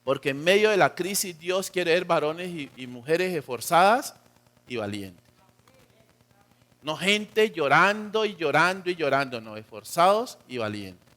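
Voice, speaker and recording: A man with a Colombian accent preaching a sermon as pastor, swinging between loud emphatic lines and quiet dropped endings, and acting out quoted voices. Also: a little high, expressive, a little slow. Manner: acts out quotes of God and of church members.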